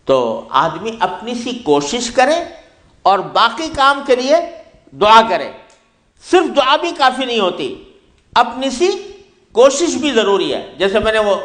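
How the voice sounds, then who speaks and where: A man with a fairly high voice preaches earnestly, urging his listeners and chanting verse and prayers as he goes. His voice rings around an echoey room. Music plays clearly behind him. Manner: earnest, exhorting, quotes Persian verse and Arabic prayers. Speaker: religious speaker. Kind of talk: sermon.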